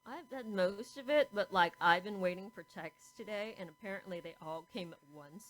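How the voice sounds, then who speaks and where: A woman's voice: mid-range voice, normal speed, a bit bright, poor audio. A woman co-hosting a podcast in casual chat, rambling and scattered, often losing her words. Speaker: podcast co-host.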